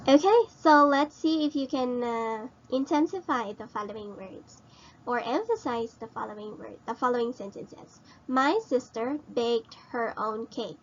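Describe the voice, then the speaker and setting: Slow, patient woman teacher, lo-fi. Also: fairly high pitch, slight background noise. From Philippines. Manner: explains slowly and repeats, asks students questions. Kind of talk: recorded grammar lesson.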